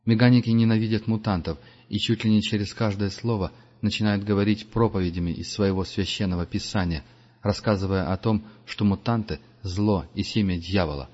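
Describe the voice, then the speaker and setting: A man narrating an audiobook in a measured, steady storytelling manner. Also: on the low side. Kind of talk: scripted narration. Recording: dull lo-fi audiobook recording.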